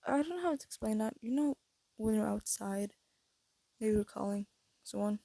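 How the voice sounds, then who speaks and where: Teen girl yapping into her phone, breathy and a bit stuffy, lots of ums and restarts, kinda husky-fry, dry sound. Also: mid-range voice, normal speed, warm tone, dry recording. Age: teens. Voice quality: breathy, slight lisp from wearing retainers. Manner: hesitant, thinking aloud with many fillers and restarts. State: stuffy nose. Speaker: vlogger. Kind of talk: casual rambling vlog monologue. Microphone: phone held close.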